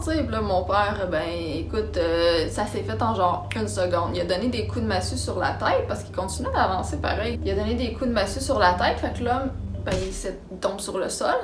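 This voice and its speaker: A young woman with a Québécois accent telling a story in a casual, animated, dramatic way. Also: medium pitch. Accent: Québécois French. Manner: animated, dramatic, acts out sounds and quotes. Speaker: vlogger. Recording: roomy echo with background music.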